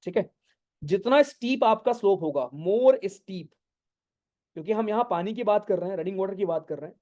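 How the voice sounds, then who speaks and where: Speaking to an online class without earphones, a male geography teacher with a high, mellow voice delivers an exam-prep lecture. He explains slowly, sprinkles in English terms, often checks whether everyone follows, and scolds those who go off topic.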